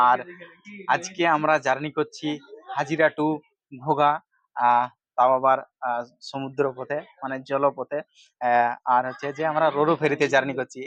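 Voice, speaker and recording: A man's voice: mid-range voice, a bit bright, no echo. A young man narrating a casual travel vlog aboard a ferry, guiding viewers along with lots of fillers. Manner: chatty, guiding, frequent fillers. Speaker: vlogger.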